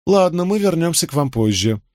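A man reading an audiobook, voicing a calm young clerk who questions in a measured, quietly insistent way. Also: fairly high pitch, no echo, clean studio sound, pitched above the performer's own voice. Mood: probing.

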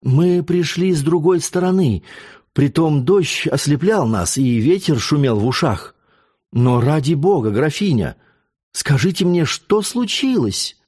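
An earnest young nobleman from an old storybook, read by a male narrator. He asks with urgency and rises in pitch with lively swings. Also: unhurried, breathy edge. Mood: puzzled.

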